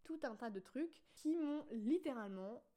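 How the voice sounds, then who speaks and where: A woman's voice: high-pitched, expressive, normal speed, mellow. A young woman hosting a casual podcast, chatty and self-mocking, with sarcastic asides. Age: young adult. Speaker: podcast host. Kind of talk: casual spontaneous podcast chat.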